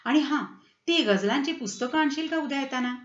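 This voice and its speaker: A woman voicing a lively, cultured lady who gushes about music and poetry, in a slightly dull, roomy recording. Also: high voice, a little fast, pitched above the performer's own voice, close to an everyday voice. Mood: gushing. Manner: gushing, chatty.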